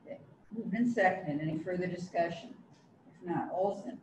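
Woman chairing a meeting, procedural, distant in an echoey room with hum. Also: on the low side. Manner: brisk procedural. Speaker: board chair. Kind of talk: chairing a public board meeting. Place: county board meeting room. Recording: roomy, distant mic, audible hum.

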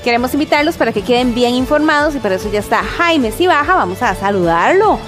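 A woman's voice: on the high side, animated, quick pace, over music. A woman co-hosting a TV magazine show, reflective and friendly. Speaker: TV co-host.

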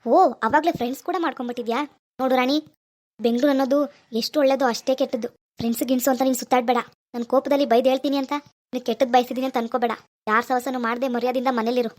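A woman's voice: sits high, fairly even intonation, racing, darkish tone, close to an everyday voice. A woman voicing a worried, jealous young husband from a village, scolding and muttering to himself. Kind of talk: cartoon voice acting.

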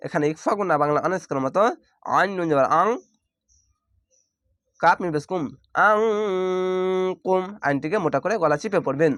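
A man teaching Quran reading, spelling out each syllable and then drawing the word out slowly. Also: on the high side, fairly bright tone, dry recording, studio quality. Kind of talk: step-by-step spelling lesson.

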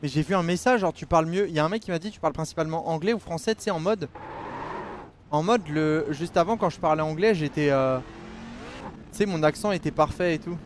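A man's voice: fairly high pitch, fast talker, slight background noise. A man streaming a racing game live, chatting casually and reading viewer messages aloud in loose slang. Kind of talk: casual live-stream chat while gaming.

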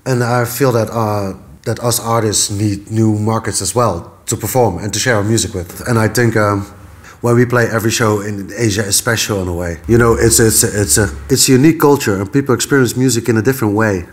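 A man with a fairly low voice talks thoughtfully for a documentary, pausing with "um" as he looks for words. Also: fairly even intonation. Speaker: music artist interviewee. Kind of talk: documentary interview.

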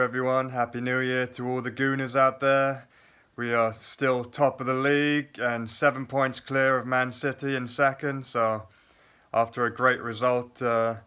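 A man's voice: mid-range voice, clear, resonant tone. A young man vlogging a casual post-match review, chatty with plenty of fillers and restarts, talking into a phone camera at arm's length in a small plain room. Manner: chatty, lots of fillers and restarts, excited play-by-play. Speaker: football fan vlogger.

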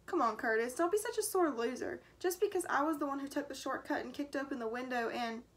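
A woman's voice: sits high, quick pace, natural voice. A woman voicing a cocky, boastful young boy in a storybook read-aloud. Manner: excited, boastful.

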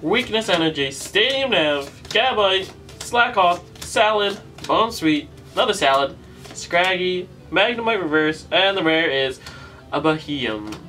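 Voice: mid-range voice, lively intonation, measured pace, pushed and bright, distant mic, soft background music. A YouTube host opening card packs in casual commentary, listing card names one by one and groaning at weak pulls.

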